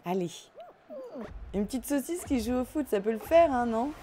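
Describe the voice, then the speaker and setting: A young woman streaming a party game, commenting in an excitable, laughing, self-mocking way. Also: fairly high pitch, moderate pace, slight background noise. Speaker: gaming streamer. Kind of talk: live let's play commentary. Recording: faint game music behind.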